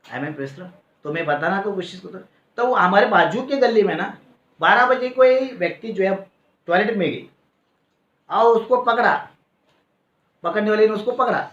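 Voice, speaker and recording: High-voiced animated preacher, echoey. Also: male voice, moderate pace, long pauses. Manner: animated storyteller, repeats "है ना", exclaims "Praise the Lord". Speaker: pastor. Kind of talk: Hindi sermon with personal storytelling. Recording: echoey, dull lo-fi hall recording.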